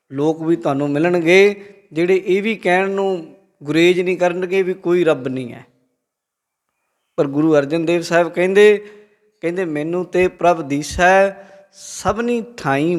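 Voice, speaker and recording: A man with a Punjabi accent giving a religious talk, preaching and telling a story to a congregation. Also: on the high side. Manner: lively, quotes the Guru and tells a story to the congregation. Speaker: Sikh preacher.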